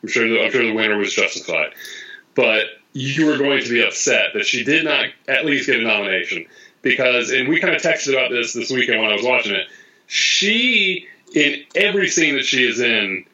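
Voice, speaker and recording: A man's voice: mid-range voice, animated, moderate pace, sharp tone, dull audio. A man co-hosting a casual podcast, chatting and growing enthusiastic. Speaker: podcast co-host. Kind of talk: casual chat.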